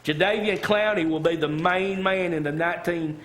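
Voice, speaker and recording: A man's voice: high voice, normal speed, fairly bright tone. A man, giving the local sports report on a morning talk show, upbeat and rattling off scores and sponsors. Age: 50s.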